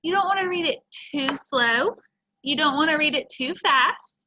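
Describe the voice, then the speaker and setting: A woman's voice: high voice, normal speed, sharp tone, highs cut off. A woman teacher speaking to children in an encouraging way, explaining a lesson and then reading a story aloud. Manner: friendly, encouraging.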